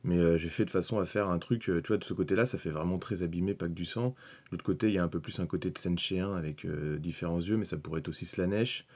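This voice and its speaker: Man, lowish voice, husky, rambling, filler-heavy live-stream chat. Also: quick pace, a little mellow. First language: French. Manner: rambling, thinking aloud, with many fillers and restarts. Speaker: miniatures hobby streamer. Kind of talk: casual live-stream commentary.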